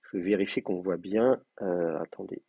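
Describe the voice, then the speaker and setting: Male lecturer, slightly raspy, mid pitch, recorded dry; explains step by step with many fillers. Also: fairly even intonation, normal speed, no echo, highs cut off. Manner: thinking aloud with many hesitations; explains terms patiently, writing them out for the class. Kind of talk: university lecture. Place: classroom.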